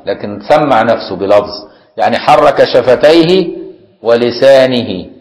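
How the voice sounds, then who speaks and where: A man with an Egyptian accent teaching Islamic jurisprudence in a religious lesson. He reads a classical text, then explains it in everyday speech and keeps asking his students whether it is clear. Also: medium pitch, a little mellow, low-quality recording. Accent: Egyptian Arabic. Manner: explains plainly, often asks listeners if it is clear.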